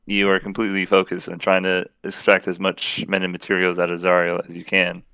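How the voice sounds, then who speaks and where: A man's voice: low voice, completely flat delivery, a little fast, bright, forceful tone, smooth, no echo. A young man acting as game master, narrating a tabletop game in a casual, loose way with lots of fillers.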